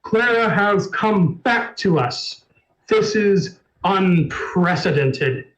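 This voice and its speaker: A man voicing a booming, forceful changeling king who roars and pushes for war. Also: animated, slow, lo-fi sound, exaggerated voice. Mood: insistent. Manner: roaring, pompous.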